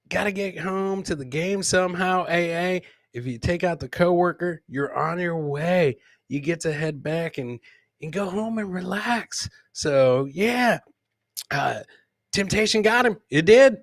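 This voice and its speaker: In studio-quality audio without echo, a high-pitched man hosts a live comedy show as a podcast host. He riffs informally on clips, repeating his lines showman-style.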